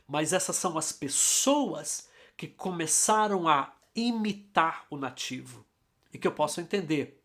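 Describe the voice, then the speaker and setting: A man's voice: on the high side, expressive, unhurried, fairly bright tone. A man hosting an English lesson, talking in an emphatic, conversational way. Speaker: English teacher, host. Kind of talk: casual teaching talk.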